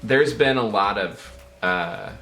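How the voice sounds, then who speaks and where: A young man chatting casually as the host's fiancé, relaxed and joking, a little halting. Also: fairly low pitch, soft background music. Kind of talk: casual chat. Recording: roomy echo.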